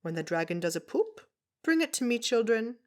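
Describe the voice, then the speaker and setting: Playing a tiny, gruff herbalist woman from somewhere foreign and unplaced, a woman speaks in clipped, broken English. Her voice is a little high and brisk, with big pitch swings, and her manner is pushy.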